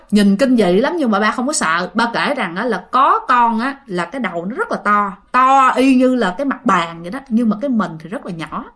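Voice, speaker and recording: A woman telling a ghost story casually to her listeners, acting out the quoted shouting in a raised voice. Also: a little high.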